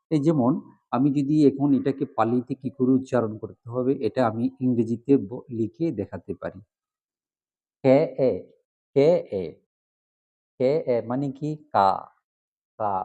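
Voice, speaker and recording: A monk with a Bangladeshi Bengali accent teaching Pali pronunciation, patiently repeating syllables one by one for the viewer. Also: male voice, mid-range voice, warm tone. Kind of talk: pronunciation lesson.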